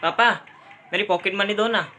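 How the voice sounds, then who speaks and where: A young man acting out a comedy sketch, playing several family roles and switching his pitch between them. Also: moderate pace, sharp tone.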